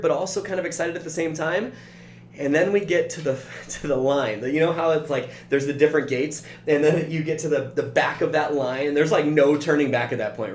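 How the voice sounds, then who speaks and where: A man giving a motivational training talk as a coach, earnest and speaking straight to the listener. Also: on the high side. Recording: roomy with faint hum.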